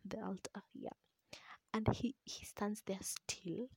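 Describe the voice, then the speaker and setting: A woman's voice: medium pitch, fairly even intonation, slow, creaky, slightly rough, no echo. A young woman retelling a book in a casual, chatty ASMR whisper close to the mic, throwing in asides and swearing.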